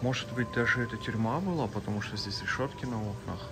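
A man's voice: lowish voice, fast talker, music in the background. A man narrating his travel vlog while walking around with a phone, chatting to viewers as friends with plenty of fillers. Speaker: travel vlogger. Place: outdoors and in hotel rooms, walking with a phone.

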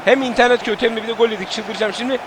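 A young man with a Turkish accent giving excitable, sweary live commentary on his own football video game match as the channel host, with game music behind him. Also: extremely high pitch, very fast, background noise.

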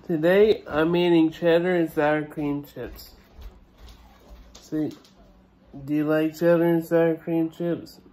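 A young man gives a casual food review in a slightly high voice. He speaks slowly, in between bites of crunchy chips, as a vlogger recording himself in a room. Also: level tone, mellow. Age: young adult. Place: small indoor room. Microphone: phone or webcam at arm's length.

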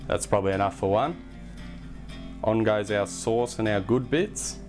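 A young man hosting a casual cooking demonstration in a home kitchen, relaxed and chatty, with self-deprecating asides. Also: fairly low pitch, a little slow. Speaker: cooking show host. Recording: background music under the voice. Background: music and pan sizzling.

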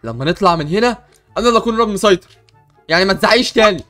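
A man's voice: high voice, lively intonation, very fast, pushed and bright, soft background music. A young man with an Egyptian Arabic accent, hosting an improvised game role-play with comic panic and bluster.

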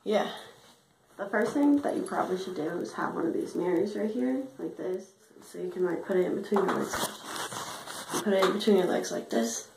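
A woman in her twenties chatting casually to her phone in a deadpan, offhand, sweary way. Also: mid-range voice, brisk, vocal fry. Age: 20s. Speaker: vlogger giving a joke makeup tutorial. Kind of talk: casual vlog chat. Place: small tiled bathroom. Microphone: handheld phone at arm's length. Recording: echoey small room, some noise.

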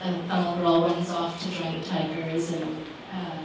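A woman's voice: fairly low pitch, flat delivery, normal speed. A woman author in her forties answering audience questions on a panel, thoughtful with many fillers. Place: living room with small audience. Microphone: handheld microphone. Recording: roomy sound from far camera, background noise.

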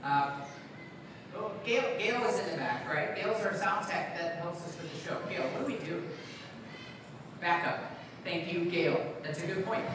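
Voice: mid-range voice, animated, a little slow, pauses often. A show co-presenter with an informal, hesitant delivery, bantering casually on stage in a comic style. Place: live bird show before an audience. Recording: very echoey venue, distant, loud noise.

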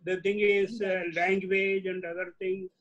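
A man, a Tamil speaker, asking a question haltingly on a video call. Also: sits high, level tone, a bit bright, dull audio. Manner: hesitant, halting. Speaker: audience member asking a question.

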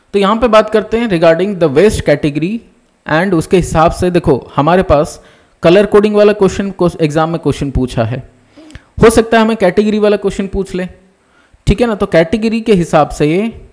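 A man with a high voice teaches a live nursing exam class. He walks through each point step by step, keeps asking whether students follow, and drops terms into his talk. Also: darkish tone. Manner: explains step by step, often checks "ठीक है ना?". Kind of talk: live online class lecture.

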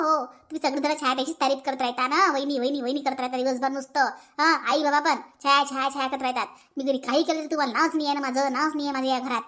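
A woman voicing a sulky young wife who dodges chores in a cartoon, with a Vidarbha Marathi accent, talking back quickly and indignantly. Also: a bit bright. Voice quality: shrill and high. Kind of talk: cartoon voice acting.

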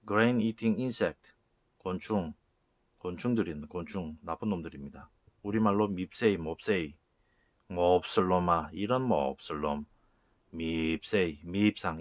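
A middle-aged man giving a lesson on words, sounding them out slowly and repeating each one. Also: lowish voice, fairly bright tone. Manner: slow, repeating words aloud to show sounds. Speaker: channel host explaining word origins. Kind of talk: lecture on words.

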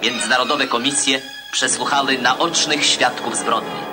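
A man's voice: mid-range voice, fairly even intonation, measured pace. A man narrating an old 1950s newsreel, firing accusing rhetorical questions. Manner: accusing, rhetorical propaganda delivery. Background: loud music score.

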